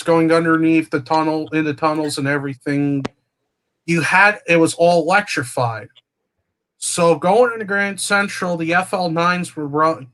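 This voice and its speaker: A man chatting casually as a guest on a livestream, explaining things slowly with lots of fillers and restarts, heard over a video call. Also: a little high, fairly bright tone, slight background noise. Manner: slow, meandering explanations with many fillers. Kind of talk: casual chat.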